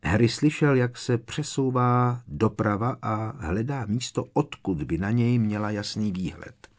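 A man narrating an audiobook with a lively, expressive reading. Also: lowish voice.

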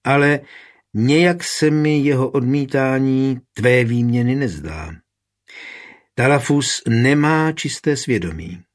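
A man playing a gruff, hot-tempered castle lord. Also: mid-range voice, lightly acted. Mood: wary. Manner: gruff, blunt.

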